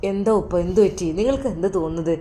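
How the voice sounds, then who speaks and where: A devoted young man, as a woman storyteller voices him. He talks in an earnest, reassuring way to the old couple, with a quiet undercurrent of guilt. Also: fairly low pitch, lively intonation, rapid-fire, slight background noise, natural voice.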